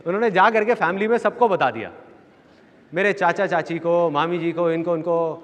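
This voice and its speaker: A man's voice: high voice, moderate pace, highs cut off. A man telling a personal story to a live audience, acting out his family members' voices as he goes. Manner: animated, acts out family members in quoted voices. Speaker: motivational speaker. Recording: reverberant hall.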